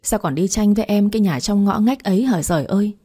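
A woman's voice: medium pitch, quick pace, warm tone, breathy edge, natural voice. A woman voicing an aggrieved middle-aged village wife who protests in a wailing, indignant way.

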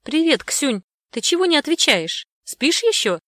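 Worried storybook mom, woman reader voicing her: raised, bright, fussing, dry recording. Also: sits high, big pitch swings, measured pace, dry recording, voice pushed up, full character voice. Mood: fussing, caring. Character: caring, worried middle-aged mother.

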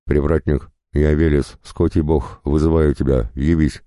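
A man voicing a mighty, protective male bear god who growls his words in a very deep voice. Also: little pitch movement, measured pace, warm tone, no echo, studio quality. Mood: commanding.

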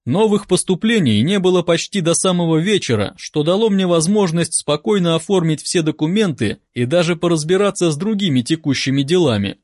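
A man narrating a first-person audiobook with expressive storytelling. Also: on the high side, fairly quick, hardly any pauses, no room sound, clean studio sound.

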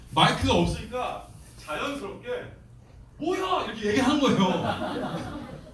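Animated man preaching in echoey hall. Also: a little high. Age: 30s. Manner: animated storytelling with acted quotes. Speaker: missionary preacher. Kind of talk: sermon testimony. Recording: echoey hall, distant mic, faint noise.

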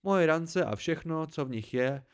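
A man's voice: a little high, expressive, clear, resonant tone, pitched above the performer's own voice. A man voicing a grudging, sighing male tinker in an amateur storybook reading. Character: sulky old male tinker, reluctant.

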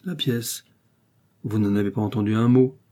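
A man's voice: lowish voice, fairly even intonation, normal speed, mellow, lightly acted. A man voicing a fussy, anxious older mother-in-law who keeps pressing questions and grows frantic. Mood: prying. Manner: prying, insistent questions, then frantic pleading.

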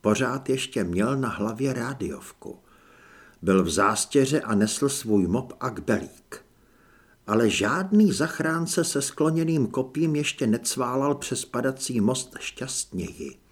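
A man narrating an audiobook in an expressive storytelling manner, with a husky voice. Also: mid-range voice. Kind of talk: scripted narration.

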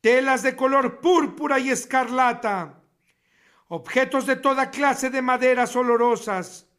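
A man preaching a sermon on the radio, reading scripture in a slow, emphatic, declamatory way. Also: very high-pitched, fairly bright tone. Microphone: radio studio mic.

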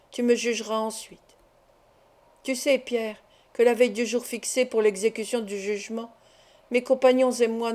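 A woman voicing a grave older male doctor who speaks in a measured, solemn way in an audiobook. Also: on the high side, darkish tone, close to an everyday voice.

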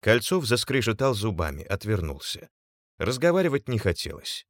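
A man with a lowish voice reads an audiobook aloud in a measured, even storytelling style. He is a narrator delivering scripted narration, captured as a dry, clean studio recording.

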